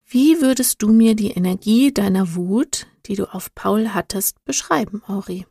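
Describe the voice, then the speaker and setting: A woman reading a storybook, voicing a calm, patient male guide who explains things gently. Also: mid-range voice, moderate pace, gravelly, husky, no room sound, clean studio sound. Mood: gentle.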